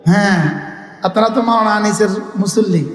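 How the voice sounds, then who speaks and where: High-pitched preacher in an echoing hall. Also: male voice, fairly even intonation, a little fast. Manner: call-and-response, asks crowd to repeat; rhythmic chanting of Arabic phrases. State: tired. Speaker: Islamic preacher. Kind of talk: Bengali waz sermon. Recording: echoey hall with long reverb.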